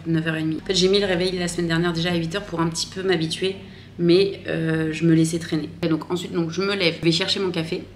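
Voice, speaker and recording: A woman's voice: deep voice, a little hiss or hum. A woman vlogging casually as an online fitness coach, chatty and informal, with plenty of fillers and restarts. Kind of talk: casual vlog chat.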